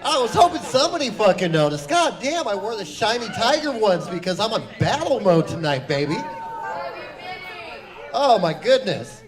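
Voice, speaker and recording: Forties male comic, high animated voice, loud and laid-back, swearing freely. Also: moderate pace, a crowd in the background. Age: 40s. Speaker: stand-up comic. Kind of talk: stand-up comedy set.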